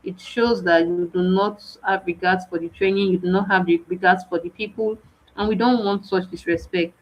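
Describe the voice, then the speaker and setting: A stern woman lays down the rules for new students in a firm, repetitive way. Her voice sits fairly low and comes through dull, lo-fi audio. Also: steady tone, normal speed. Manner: firm, stern, repeats warnings in lists. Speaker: program organizer. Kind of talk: onboarding briefing to students.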